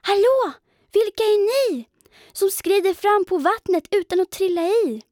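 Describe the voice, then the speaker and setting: A woman voicing a small, lost boy spider from a children's storybook, calling out in a high, excited voice. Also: dry recording, studio quality.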